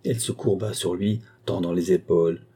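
A man reading a novel aloud in a measured, dramatic narration. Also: low voice, fairly even intonation, dark tone, breathy edge. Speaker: audiobook reader. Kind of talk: scripted narration.

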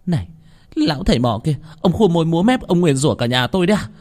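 A combative middle-aged aunt shrieks accusations in a high, scolding voice in an audio ghost story, as a man voices her. She is loud and biting. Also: big pitch swings, quick pace. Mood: furious. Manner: shrill, scolding.

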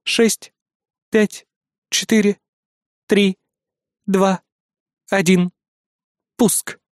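Brief: man doing a cold machine announcer, higher and clipped, dry read. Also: little pitch movement, very slow, smooth, dry recording. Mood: countdown. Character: cool female computer system voice, announcing.

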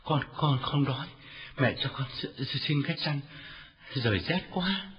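A man voicing a weak, exhausted young man who speaks softly and haltingly with fever. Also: a little high, expressive, slight background noise, lightly acted. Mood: shivering. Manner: soft, weary, halting speech. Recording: dull lo-fi audio with faint music.

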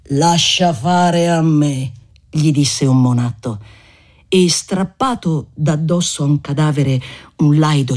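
Measured male literary audiobook narrator. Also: fairly high pitch. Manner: measured, expressive storytelling. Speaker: audiobook reader.

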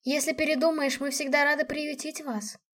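Woman doing a gentle loving mother, soft, soothing, quiet, storybook. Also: sits high, flat delivery, moderate pace, far from the mic, pitched above the performer's own voice.

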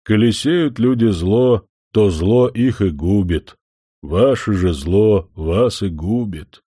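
A man voicing a young male forest spirit who speaks slowly and solemnly, a little louder than his narration. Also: on the low side, expressive, breathy edge, dry recording, studio quality, full character voice. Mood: earnest. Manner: slow, deliberate, solemn.

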